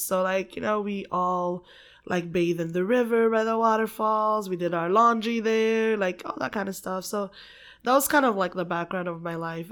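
A woman from the Philippines chatting casually as a podcast guest, laughing often, swearing freely and filling gaps with um and like. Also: mid-range voice. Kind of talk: casual chat.

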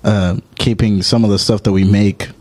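A man's voice: fairly low pitch, little pitch movement, moderate pace, darkish tone, no room sound. A man co-hosting a casual podcast, rambling and filling with "like". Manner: rambling, filler-heavy "like". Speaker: podcast co-host.

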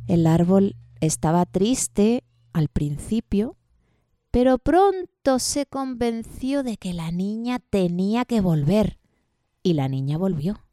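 A woman storyteller telling a children's tale in a playful, expressive, unhurried way. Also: mid-range voice, dry recording, clean studio sound. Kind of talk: storytelling performance with songs.

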